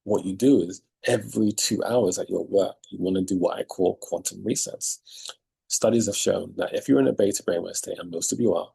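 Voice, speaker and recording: A man's voice: sits low, creaky, darkish tone, slightly rough, poor audio. A man speaking as a leadership coach in an emphatic motivational monologue to camera, repeating key phrases for effect, recorded outdoors.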